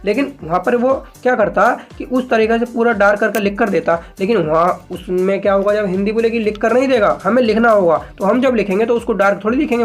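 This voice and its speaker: A male teacher explains shorthand in a relaxed video lesson. He talks patiently and conversationally, slowing down to repeat example sentences word by word. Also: sits high. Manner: addresses viewers as friends, frequent "ठीक है".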